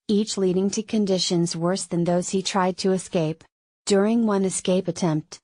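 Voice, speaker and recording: A woman's voice: mid-range voice, a little mellow, no room sound. A woman reading a scripted news article as a narrator, quotes included in the same reporting voice.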